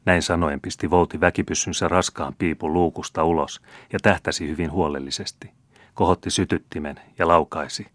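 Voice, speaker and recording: A man reading an audiobook in measured, even storytelling narration. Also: deep voice, no echo. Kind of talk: scripted narration.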